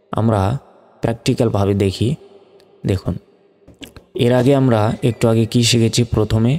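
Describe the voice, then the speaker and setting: Man slowly drilling Quran letter sounds. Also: on the low side, darkish tone, long reverb tail. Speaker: Quran reading teacher. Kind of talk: spelling-out recitation lesson.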